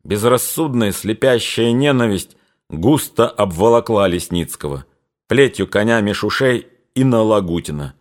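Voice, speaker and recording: A man narrating a literary story in a measured, expressive audiobook reading. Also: on the low side.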